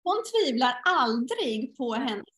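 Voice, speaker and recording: A woman's voice: high voice, big pitch swings, a bit bright. A middle-aged woman in a casual podcast conversation, telling personal stories and acting out her inner dialogue. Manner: storytelling, acts out inner dialogue. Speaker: guest teacher. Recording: roomy echo.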